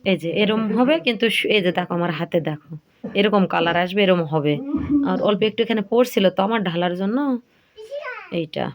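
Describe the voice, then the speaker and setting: A woman's voice: medium pitch, a little fast, crowd noise. Chatty older woman showing a home recipe. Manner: chatty, keeps checking the viewer follows. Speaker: home cooking vlogger. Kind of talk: casual cooking demonstration.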